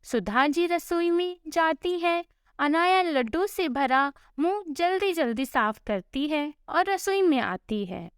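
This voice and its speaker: A woman with a high, lively voice narrates a scripted family tale at an unhurried pace. The sound is close and dry, with no room around it. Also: no room sound. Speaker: storyteller.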